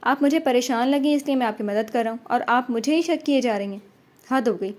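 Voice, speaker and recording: A firm young police inspector from an audio novel, stern but decent , read by a woman narrator. The delivery is slightly high and mellow. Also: close to an everyday voice. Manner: firm, a little indignant.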